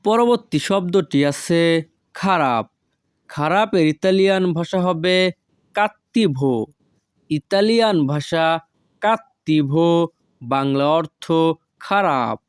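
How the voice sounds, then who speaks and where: A man teaching vocabulary as a slow, patterned drill, repeating each foreign word carefully and drawing it out syllable by syllable. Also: on the high side, lively intonation, dry recording, studio quality. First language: Bengali. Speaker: language teacher.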